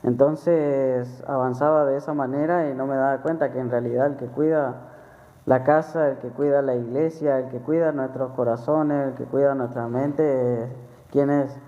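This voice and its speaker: A man's voice: mid-range voice, fairly even intonation, moderate pace, dark tone. Man preaching in an echoey church hall. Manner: conversational, repeats phrases, frequent tag questions. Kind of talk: sermon testimony. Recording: tinny phone-like sound with long hall reverb.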